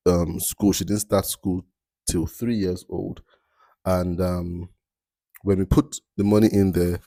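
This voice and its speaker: A man hosts a podcast with a motivational monologue, leaning on repeated phrases and drawn-out emphasis. His voice is very low and mellow. The sound is dry and close, with no room around it. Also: dry recording. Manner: repeats key phrases, asks "you understand?"; slows down to stress points. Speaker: podcast host.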